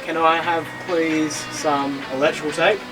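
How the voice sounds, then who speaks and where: A man's voice: on the high side, little pitch movement, a little slow, music in the background. A man co-hosting a sailing vlog, chatting casually in a joking, self-mocking way. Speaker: vlog co-host, boat owner. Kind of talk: casual chat.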